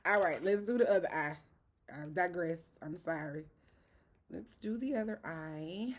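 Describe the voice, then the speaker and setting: A woman's voice: on the low side, measured pace. A young woman from the American South with a Southern accent, hosting a casual tutorial vlog with a chatty, sassy manner. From Southern United States. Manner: chatty, playful, sassy asides. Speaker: dance educator and channel host.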